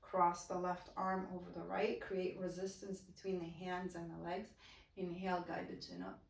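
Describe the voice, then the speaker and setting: A woman teaching a guided chair yoga class, giving slow, soft-spoken breath cues. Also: lowish voice, flat delivery, gravelly, recorded from a distance. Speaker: yoga instructor. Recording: roomy echo, voice away from mic.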